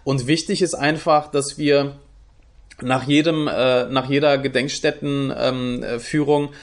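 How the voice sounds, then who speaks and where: A young man from Germany talks his way through interview answers, thinking as he goes. He stops often, restarts and fills pauses. His voice sits at a middle pitch. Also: fairly even intonation. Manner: thoughtful, many fillers and restarts. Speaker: guest, youth project leader.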